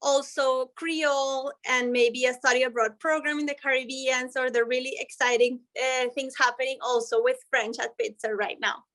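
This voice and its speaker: A language professor from Colombia, she speaks in a bright, high voice over a video call while presenting on an online panel. Her tone is steady and her pace moderate, with hardly any pauses, as she explains things in an upbeat way through long, flowing sentences.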